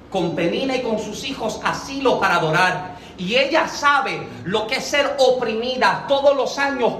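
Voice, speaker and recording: A woman preaching a fervent sermon, building to shouted peaks. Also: medium pitch, reverberant.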